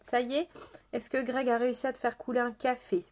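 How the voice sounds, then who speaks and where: A chatty woman hosts a live makeup stream, talking to her viewers as she works. She greets them by name, repeats her phrases, and at times slows down into a soft, almost hypnotic murmur. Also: fairly high pitch, little pitch movement. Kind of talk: casual live-stream chat while doing makeup.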